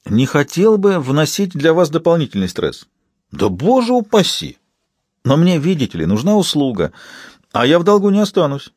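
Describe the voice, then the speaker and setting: A man voicing Angel, a calm, polite male visitor who speaks in a measured, politely pointed way in an audiobook. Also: on the high side, no echo, clean studio sound, voice pushed up.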